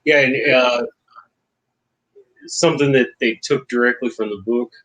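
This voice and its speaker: Man co-host, husky voice, easygoing livestream chatter over a video call. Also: medium pitch, steady tone, unhurried, fairly bright tone, highs cut off. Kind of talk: casual livestream discussion.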